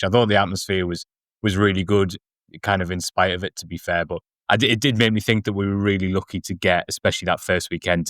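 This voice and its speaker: A man's voice: low voice, a bit bright, dry recording, studio quality. A man speaking casually as a guest football journalist, giving his view of a match.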